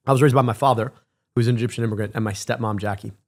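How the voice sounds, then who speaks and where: A man in his thirties from Michigan, giving animated casual commentary on a clip and repeating words as he gets going. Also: medium pitch, very fast. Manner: animated, emphatic, repeats words when excited. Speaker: stream co-host reacting to clips.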